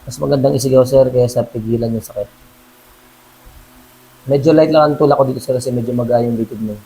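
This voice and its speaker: A man working as a massage therapist, talking a client through a treatment in a calm, reassuring way and calling him sir at every turn. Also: medium pitch, fast, slight background noise, rough recording. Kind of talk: casual instruction during a hands-on treatment.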